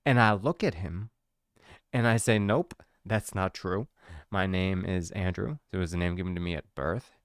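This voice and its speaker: A man talks to camera in a casual, explanatory way, slowing down to lean on important words. His voice sits fairly low. The sound is dry and close, with no room around it. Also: smooth, dry recording. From United States. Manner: chatty, explanatory, drawn-out emphasis on key words. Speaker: host explaining his church's history. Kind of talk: casual educational talk to camera.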